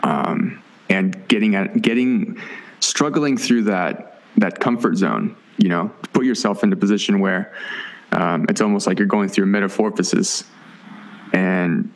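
A man's voice: low-pitched, a little slow, vocal fry, poor audio. A man hosting a casual interview, effusive and informal, rephrasing as he reflects. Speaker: podcast host.

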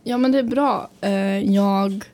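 A young woman in her twenties, a podcast co-host recovering from a cold, chatting casually with many hesitations. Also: mid-range voice. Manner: hesitant, many fillers, trails off softly. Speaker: podcast co-host, psychology student. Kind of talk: casual chat.

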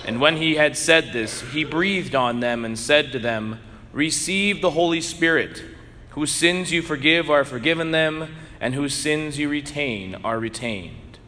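Priest with bright voice in cathedral echo. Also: male voice, on the high side, slight background noise. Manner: slow, measured reading that turns earnest and emphatic in preaching. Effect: cathedral echo, long church reverb. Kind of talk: gospel reading and homily. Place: large church. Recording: echoey church with long reverb.

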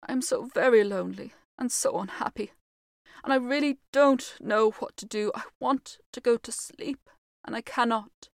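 A woman's voice: vocal fry, dry recording, studio quality. Woman voicing a sad, dreamy old ghost. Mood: pleading. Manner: slow, low and dreamy. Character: weary centuries-old male ghost, sad and lonely.

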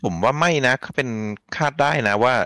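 A man's voice: medium pitch, a little fast, pushed and bright, no echo, studio quality. A man co-hosting a podcast, chatting casually and rambling through his opinions. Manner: rambling, opinionated, laughs often. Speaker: podcast co-host. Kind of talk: casual chat.

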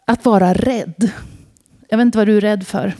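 A woman from Sweden preaches in a loose, conversational way, mixing scripture with stories from her own life. She keeps turning to the congregation with questions. Her voice sits at an ordinary middle pitch. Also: fairly even intonation, mellow. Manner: conversational, asks the audience questions. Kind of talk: informal sermon with personal story.

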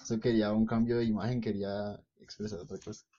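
Low-ish husky dude, chill comments on a podcast, kinda lo-fi. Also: male voice, level tone, fast, dark tone. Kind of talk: casual podcast chat.

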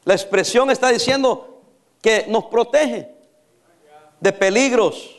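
A man in his fifties preaches a sermon in a very high-pitched, slow voice. He teases his congregation with jokes and dramatic stories.

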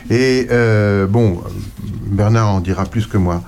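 A man on a local radio show talks up a book with real enthusiasm. His speech is halting, full of fillers and restarts, and he slows down to read short passages aloud. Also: fairly low pitch, a little mellow, a little hiss or hum. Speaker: radio co-host. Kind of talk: casual radio chat, reading aloud.

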